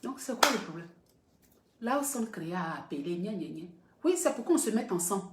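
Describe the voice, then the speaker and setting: A woman's voice: mid-range voice, expressive, fairly quick. A middle-aged woman blogger talking casually to her viewers, emphatic and repeating points for stress. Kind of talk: casual live video talk. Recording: roomy echo.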